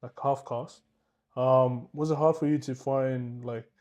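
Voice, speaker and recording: A man's voice: medium pitch, fairly even intonation, measured pace, darkish tone. A young man hosting a casual podcast chat, asking rambling questions full of ums and likes. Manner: rambling, filler-heavy questions. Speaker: host.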